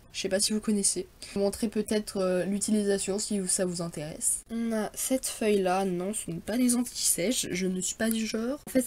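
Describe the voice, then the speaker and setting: A woman's voice: mid-range voice, a little mellow. A teenage girl in a casual vlog, showing her school bag and talking in a chatty, hesitant way with many fillers. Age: teens. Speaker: vlogger.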